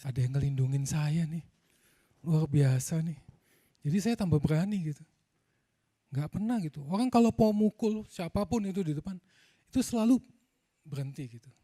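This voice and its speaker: A man's voice: on the high side, dark tone. A man from Indonesia, preaching a conversational storytelling sermon to a congregation, peppering his talk with casual fillers. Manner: conversational, addresses the congregation, frequent filler "gitu".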